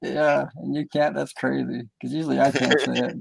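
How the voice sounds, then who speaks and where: Male co-host, strongly gravelly mid-range voice, rambling colloquial banter. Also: mid-range voice, level tone, normal speed, poor audio. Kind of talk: casual chat, joking and swearing.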